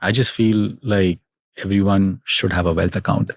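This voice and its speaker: A man's voice: low-pitched, steady tone, normal speed, dry recording. A man as an interview guest, giving thoughtful conversational answers and often tagging "right?" and "you know". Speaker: guest, fintech executive.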